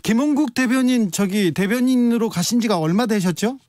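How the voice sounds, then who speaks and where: A man hosting a radio talk show, interviewing guests in a lively, joking way. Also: very high voice, a little fast, no echo. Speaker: radio host. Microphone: studio microphone.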